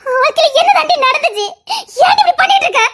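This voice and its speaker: A woman's voice: very high voice, quick pace. A woman voicing a fond older aunt and mother-in-law in an audio love story, soothing and insistent. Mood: coaxing.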